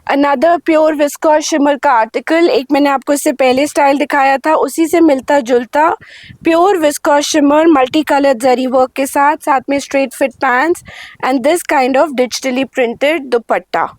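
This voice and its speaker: High-voiced woman pitching clothes, slow. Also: fairly even intonation, no echo. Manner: Hindi-English mix, swings between slow lingering prices and quick rundowns. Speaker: boutique sale presenter. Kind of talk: sales pitch showing garments.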